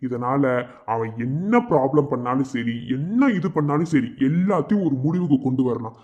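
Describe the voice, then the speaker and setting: A man's voice: mid-range voice, lively intonation, moderate pace, darkish tone, husky. A man voicing a male college student who earnestly reassures his fiancée and promises to protect her. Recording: dull lo-fi sound.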